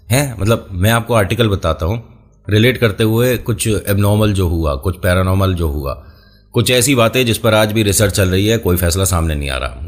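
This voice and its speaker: A man hosting a casual horror storytelling show, chatting straight to the listener with playful asides. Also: deep voice. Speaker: storyteller and channel host.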